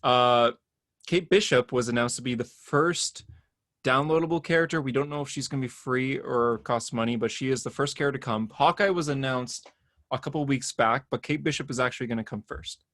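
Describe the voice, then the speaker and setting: A man's voice: medium pitch, fairly quick, fairly bright tone, no echo. Chatty man on a dry close mic. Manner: chatty, rambling, laughs often. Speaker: podcast co-host. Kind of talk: casual comic-book news chat.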